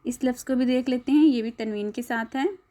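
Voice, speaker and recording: A woman teaches a Quran recitation lesson step by step, spelling out syllables, stretching the recited words, and asking listeners to repeat after her. Her voice is on the high side, fairly quick, and mellow.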